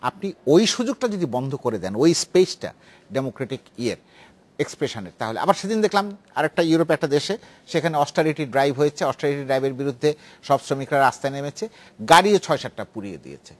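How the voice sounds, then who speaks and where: A man speaking as a guest on a political talk show, lively and full of restarts and asides. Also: on the high side, quick pace. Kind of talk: animated studio discussion.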